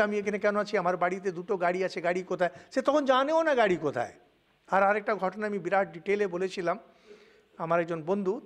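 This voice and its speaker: A man, an older monk from India with a Bengali accent, giving a spiritual lecture with animated storytelling and English words mixed in. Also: sits high.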